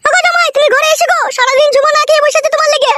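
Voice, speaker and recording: A woman's voice: very high-pitched, steady tone, rapid-fire, no room sound. A woman voicing a middle-aged cartoon mother-in-law who pleads and soothes to keep the peace. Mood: coaxing. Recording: loud background noise.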